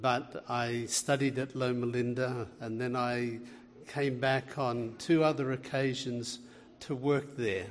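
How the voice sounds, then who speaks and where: Speaking to a church congregation as a guest, a middle-aged health researcher with an Australian accent lectures earnestly, often restarting and using fillers. His voice sits in the mid range. There's a little hiss or hum, plus the long reverb of a big hall.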